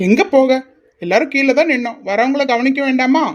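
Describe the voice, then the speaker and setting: A brisk, ribbing young man, played by a woman keeps teasing the family around him. The voice sits a little high for the part, and the lines are delivered quickly and plainly. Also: close to an everyday voice. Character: teasing young man, the bride's brother or friend. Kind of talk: amateur audio drama acting.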